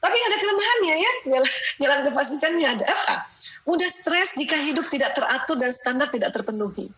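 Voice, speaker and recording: A middle-aged woman gives an animated lecture on parenting and family life. Her voice is bright, forceful and slightly high. She laughs often and keeps checking in with her listeners with a quick "ya". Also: low-quality recording. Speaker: parenting speaker. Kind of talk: lively lecture with family anecdotes.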